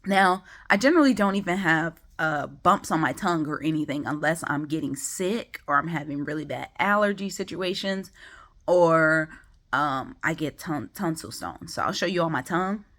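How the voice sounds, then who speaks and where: Talking to camera at home right after waking up, this vlogger rambles casually with many ums, sounding congested and sniffly. Her voice sits low and is a bit bright, with lively intonation. She speaks at a normal speed.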